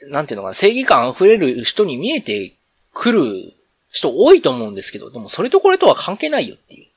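Solo podcast host, a man with a Kansai accent, rambling, very lively intonation, dry close sound. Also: medium pitch, breathy edge, dry recording. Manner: rambling, conversational, self-correcting. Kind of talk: casual solo radio chat.

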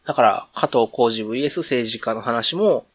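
A podcast host with a Kansai accent chats casually on his solo radio-style show, rambling conversationally and often correcting himself. His voice is medium-pitched and slightly rough, at a moderate pace, with no room sound.

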